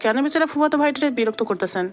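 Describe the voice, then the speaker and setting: Teasing young boss, woman voice, slightly high, breezy, faint music. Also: lively intonation, very fast. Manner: breezy, teasing, mixes in English words. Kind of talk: audio love-story drama.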